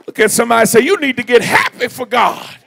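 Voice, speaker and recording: A man preaching a fervent sermon in a church, breaking into shouts and calling out to the congregation. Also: extremely high pitch, fast, vocal fry. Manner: fervent, shouting in bursts, call-and-response with the congregation. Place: church sanctuary.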